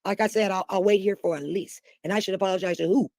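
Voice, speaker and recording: A woman's voice: medium pitch, fast, darkish tone, no room sound, studio quality. A woman guest on a live chat, ranting bluntly and swearing a lot. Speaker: guest caller. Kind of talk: heated casual chat.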